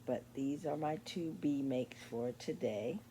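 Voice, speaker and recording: A woman in her sixties showing her crochet work in a casual vlog at home late at night, sleepy and meandering, with many pauses and ums. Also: very deep voice, warm tone, a little hiss or hum. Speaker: crochet vlogger. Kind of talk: casual show-and-tell vlog.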